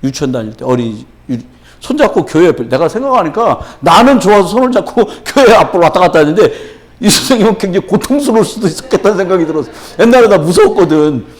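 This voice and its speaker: A pastor preaching a Friday evening sermon, animated, shouting out acted-out quotes and dropping to a hush, chuckling through his own stories. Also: high-pitched, fast talker.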